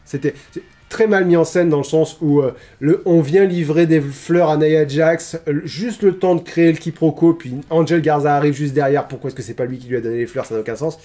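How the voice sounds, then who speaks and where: Chatty man recapping wrestling, mellow tone. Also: on the high side, brisk, soft background music. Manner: hesitant, many restarts, chatty. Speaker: streamer reviewing wrestling. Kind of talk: casual recap commentary. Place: home streaming setup. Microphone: streaming microphone.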